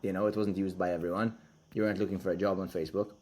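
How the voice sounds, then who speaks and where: Low-voiced man explaining calmly. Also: a little hiss or hum. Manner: measured, explanatory, corrects his co-host. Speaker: podcast co-host. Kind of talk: casual chat.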